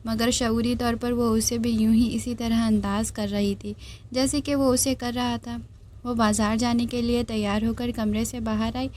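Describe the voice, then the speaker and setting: A woman reading a romance novel aloud, narrating in a steady, even way. Her voice sits somewhat high for a woman. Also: slight background noise. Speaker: novel reader.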